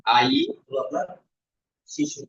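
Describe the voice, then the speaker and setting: A male language teacher leading a class, explaining vowel shapes step by step, repeating each sound and quizzing his students. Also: fairly bright tone. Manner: asks students questions, repeats sounds slowly. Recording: dull lo-fi classroom recording.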